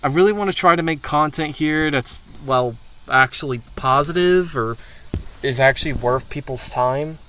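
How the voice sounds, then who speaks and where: Male channel host, bright forward tone, candid and profane, rambling update monologue. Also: a little high, normal speed.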